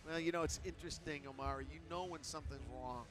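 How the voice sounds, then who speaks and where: A man doing live ringside commentary on a kickboxing fight, reacting loudly to big hits. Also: on the high side, quick pace. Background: crowd noise.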